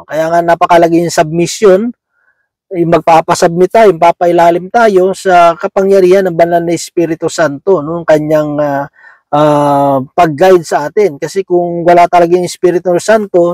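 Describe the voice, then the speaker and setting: A man's voice: sits high, a little mellow, dry recording, poor audio. A man preaching a sermon in a conversational way, checking in with his listeners after nearly every phrase.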